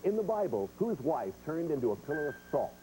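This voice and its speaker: A man's voice: a little high, sing-song, a little fast, mellow, a little hiss or hum, low-quality recording. A man hosting a game show, chatting directly to players and viewers as he explains rules and reads quiz questions. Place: television studio.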